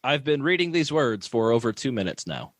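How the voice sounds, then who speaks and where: A man's voice: mid-range voice, big pitch swings, fairly quick, no room sound, studio quality. A man doing crude, wisecracking color commentary in a mock sports broadcast.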